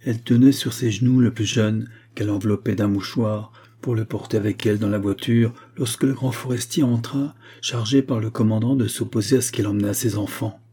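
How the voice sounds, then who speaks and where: A man reads a classic story aloud in a steady, measured way. His voice is husky and mellow, with a soft, darker color. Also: fairly low pitch. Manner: measured, even storytelling delivery. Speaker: audiobook narrator. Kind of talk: scripted literary narration.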